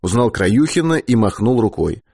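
Lively, husky male audiobook narrator. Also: fairly low pitch, moderate pace, no room sound, studio quality. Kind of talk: audiobook reading of science fiction.

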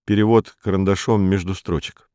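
A man reading as a tense, determined pilot who speaks in short, terse remarks. The voice is deep and low, close and dry. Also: steady tone, normal speed, mellow, no room sound, close to an everyday voice.

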